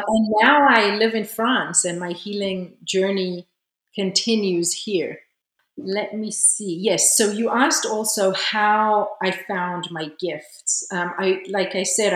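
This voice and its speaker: A woman's voice: mid-range voice, a bit bright, reverberant, rough recording. A woman from South Africa, a spiritual healer, telling her life story as an interview guest in an earnest, reflective way. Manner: earnest and reflective, with frequent "you know".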